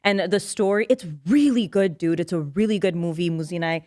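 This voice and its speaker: Animated young woman telling a story. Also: on the low side, brisk, dry recording, studio quality. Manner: animated, swearing, rambling storytelling. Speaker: podcast co-host. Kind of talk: casual chat. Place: studio.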